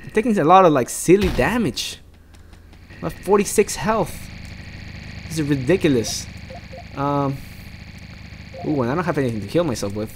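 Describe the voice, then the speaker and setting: Jokey rambling gamer guy, lively voice. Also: on the high side, normal speed, long pauses, slight background noise. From South America. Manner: rambling, jokey, talks to himself. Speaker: let's play gamer. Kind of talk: let's play commentary.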